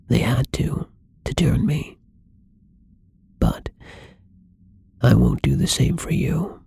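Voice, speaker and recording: A man acts out a newly turned, tender vampire in an intimate ASMR roleplay, using a very husky, breathy, exaggerated mid-range voice. He speaks slowly and haltingly, with gravelly fry at the edges and soft slips into whispers. The mood is gentle, careful and unsure, yet tender and reassuring.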